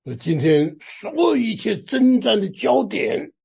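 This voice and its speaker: A man preaching a sermon, emphatic and rising to near-shouts at the climaxes, with a raspy voice. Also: sits high, very animated, a little slow.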